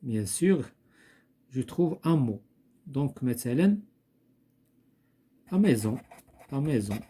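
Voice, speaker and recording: Slow, husky Moroccan teacher. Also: male voice, mid-range voice, expressive, mellow. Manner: slow, repeats each word, thinks aloud with fillers. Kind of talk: slow classroom explanation.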